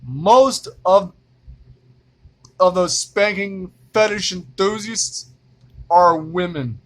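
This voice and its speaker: A man's voice: high voice, expressive, drawn-out words, fairly bright tone. A man from Indiana ranting in a vlog monologue, exasperated and profane, repeating himself as he goes. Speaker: vlogger.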